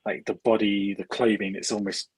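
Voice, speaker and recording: A man's voice: on the low side, level tone, normal speed, breathy edge, dry recording, poor audio. A man narrating as dungeon master in a casual, hesitant way, full of "um" and "sort of". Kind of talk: narrating a tabletop game.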